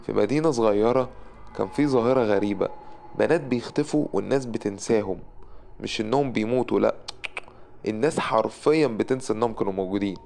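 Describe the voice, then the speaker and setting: A man with an Egyptian accent narrating a scripted horror story with brisk, dramatic delivery. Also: fairly low pitch, creaky, darkish tone, a little hiss or hum. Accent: Egyptian Arabic.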